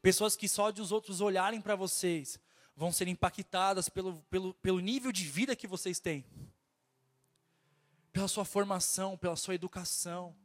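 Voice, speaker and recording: Fervent nasal Brazilian preacher, high voice. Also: male voice, normal speed. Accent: Brazilian Portuguese. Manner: fervent, exhorting, keeps repeating "my brother". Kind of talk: sermon.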